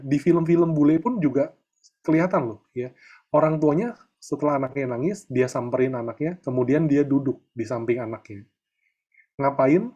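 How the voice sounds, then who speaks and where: A middle-aged man coaching a group in a relaxed, chatty way, often tagging his sentences with little fillers. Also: medium pitch, muffled recording. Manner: chatty, peppers talk with filler tags. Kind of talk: casual online coaching talk.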